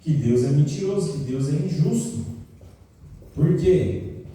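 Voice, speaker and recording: A man with a São Paulo accent teaches a church Bible class, throwing questions out to the listeners and answering them himself. His voice is dark and mellow. It sounds far from the mic, with heavy echo from a big hall. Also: a little high, lively intonation, brisk. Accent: Brazilian Portuguese, São Paulo. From São Paulo state, Brazil. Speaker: Sabbath school teacher. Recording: echoey hall recorded from a distance.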